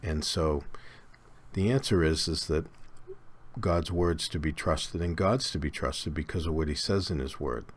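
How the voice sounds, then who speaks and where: A man with an extremely low voice gives a Bible study lecture. He talks at an easy, conversational pace, pausing with fillers and restarting phrases as he explains. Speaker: Bible teacher.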